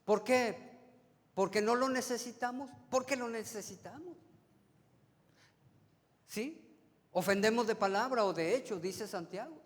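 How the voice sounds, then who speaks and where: A man with a high voice delivers a sermon to his congregation and peppers them with rhetorical questions. His phrases climb to emphatic peaks, then drop away softly. The sound carries the long, ringing reverb of a church hall. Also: a little slow, long pauses. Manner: swings between emphatic rises and soft, trailing phrase endings. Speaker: preacher. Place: church sanctuary.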